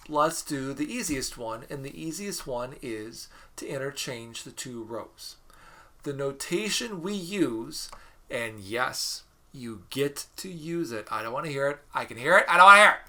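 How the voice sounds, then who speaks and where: A man's voice: mid-range voice, bright, forceful tone. A man teaching a recorded math mini lecture, working problems aloud in a chatty, joking way. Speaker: math instructor.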